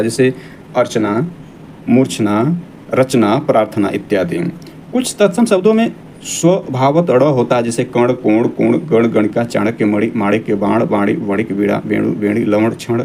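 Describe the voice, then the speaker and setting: A man's voice: medium pitch, creaky, warm tone, a little hiss or hum. A man teaching an exam-prep grammar lesson, explaining each point, rephrasing it and reading out long lists of example words.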